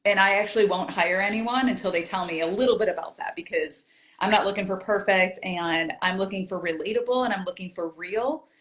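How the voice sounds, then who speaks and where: Speaking fairly quickly in a mid-range, slightly bright voice, this woman is a guest on a relaxed interview. She founded a community group and shares stories, voicing what she was thinking back then, with a roomy sound to the recording.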